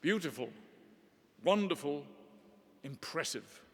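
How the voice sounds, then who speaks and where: Recorded in a large hall with long reverb, a middle-aged man from Northeast England speaks at a ceremony. His fairly high, animated voice delivers a measured, eloquent formal address with gentle humor.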